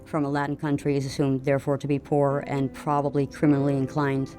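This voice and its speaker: Matter-of-fact woman from the Netherlands, interview, dark flat tone, soft music behind. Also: rumbling low, quick pace. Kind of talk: documentary interview.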